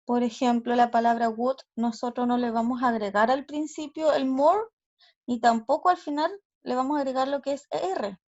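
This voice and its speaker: A Chilean woman who teaches English gives a recorded online grammar lesson through a computer mic, her high voice steady and darkish in tone. She speaks slowly and patiently, explaining carefully and asking checking questions. The audio is slightly dull and lo-fi.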